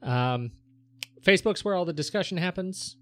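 A man's voice: sits high, expressive, normal speed. A man hosting a podcast in casual chat, rambling and hesitant as he goes. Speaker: podcast host.

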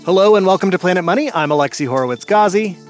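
Male radio host, scripted narration, slightly high voice, animated pitch. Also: racing, faint music behind. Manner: lively, storytelling delivery.

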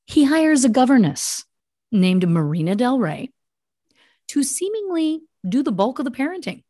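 A woman hosting a podcast retells a story as mock-serious true crime, speaking emphatically and conversationally with asides. Her voice sits high and is sing-song and mellow, at normal speed, in studio-quality audio with no echo.

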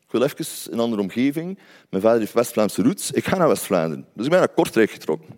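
Flemish male storyteller, animated pitch, wry and conversational. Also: quick pace. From Belgium, Ghent. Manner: conversational, wry asides to listeners. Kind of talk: personal storytelling.

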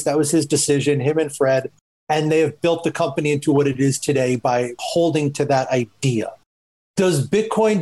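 A man, a journalist, speaking thoughtfully on a panel discussion, often pausing with asides. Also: on the high side, a little mellow, rough recording. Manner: reflective, hedging with asides. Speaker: journalist guest.

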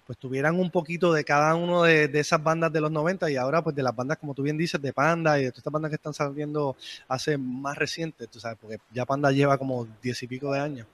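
A man's voice: on the high side, fairly even intonation, fast talker, a bit bright. A man with a Puerto Rican accent, a band member talking casually in an interview, full of restarts and fillers. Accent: Puerto Rican Spanish. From Puerto Rico. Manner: rambling, many restarts and fillers.

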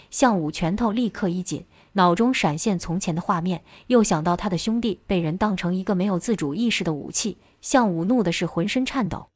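A woman reading an action novel aloud in steady, dramatic audiobook narration. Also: mid-range voice, dry recording, clean studio sound.

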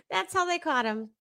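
A woman's voice: very high voice, creaky, pushed and bright, dry recording, rough recording. A woman co-hosting a podcast, telling strange news stories in a loose, joking way, laughing often and swearing freely. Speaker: podcast co-host. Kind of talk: casual chat.

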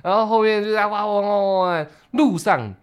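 A young man, co-hosting a podcast and telling a story in an excitable way, with casual swearing and words repeated for emphasis. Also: high-pitched, moderate pace, smooth. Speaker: podcast co-host. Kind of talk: animated storytelling chat.

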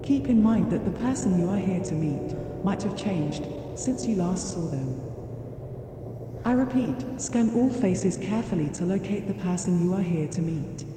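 A woman's voice: fairly low pitch, lightly acted. A woman as a wistful train station announcer. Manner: calm, formal, repeats instructions. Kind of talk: public address announcement. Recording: echoey station hall, vehicle noise.

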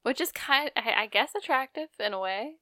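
A woman's voice: high voice, expressive, normal speed, sharp tone, dry recording, studio quality. A woman in her thirties co-hosting a podcast, talking casually and hesitantly, trailing off often. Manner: hesitant, trails off with likes and I don't knows. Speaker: podcast co-host. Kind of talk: casual chat.

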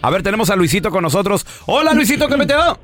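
Animated high-voiced male radio host. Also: fast, no room sound, faint music behind. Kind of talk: lively call-in radio banter. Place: radio studio, dry close sound.

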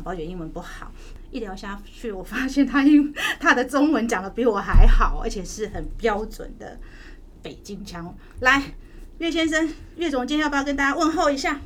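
A woman's voice: medium pitch, a bit bright, slight background noise. A woman with a Taiwanese accent hosting an interview show in a chatty, conversational way full of interjections. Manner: chatty, uses many interjections. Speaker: podcast host, magazine editor-in-chief.

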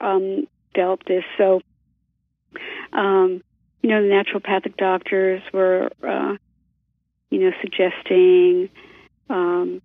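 A woman's voice: medium pitch, dry recording. A woman calling in to a radio show, speaking hesitantly with many ums and a lisping, whistling s, over a tinny phone line. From New Jersey, US. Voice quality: lisp with whistling s from braces. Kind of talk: casual phone call. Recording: tinny, narrow telephone line.

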